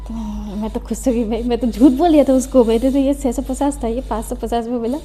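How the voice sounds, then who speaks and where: With soft music in the background, a young woman student vlogger tours and tidies her desk in her study room at home. Her warm voice sits on the high side, with fairly even intonation and a fairly quick pace. She's chatty and self-mocking, slips in English phrases and sounds a little breathless.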